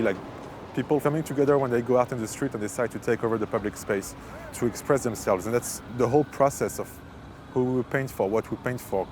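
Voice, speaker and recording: A man's voice: fairly low pitch, background noise. A man speaking in a reflective, explanatory way in a documentary interview.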